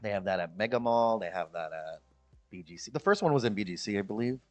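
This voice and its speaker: Fast and a little mellow, with lively intonation, this Chicago streamer speaks in a Midwestern American accent while in the Philippines. His casual, joking chat with viewers wanders and loops back on itself, and he imitates people using high voices.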